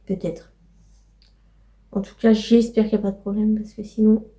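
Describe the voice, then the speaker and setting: A woman's voice: medium pitch, little pitch movement, moderate pace, dark tone. A young woman chatting casually in a home vlog, rambling with many fillers and cooing to her pets. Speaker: vlogger.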